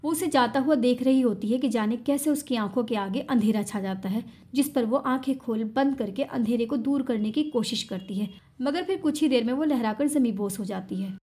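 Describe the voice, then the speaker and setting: A woman with a high, clear voice reads a romance novel aloud. She keeps a steady, dramatic storytelling pace throughout the narration. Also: a little fast.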